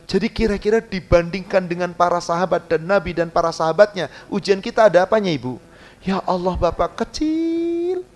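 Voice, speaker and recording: A male preacher, giving a sermon that chants Arabic verses slowly, explains them in casual speech and puts questions to the congregation. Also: high-pitched.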